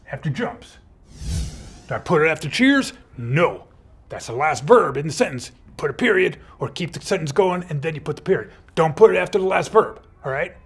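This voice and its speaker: A man's voice: a little high, a bit bright, husky. A man teaching kids grammar in a playful, upbeat superhero persona. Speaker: teacher playing a comma superhero. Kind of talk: educational video for kids.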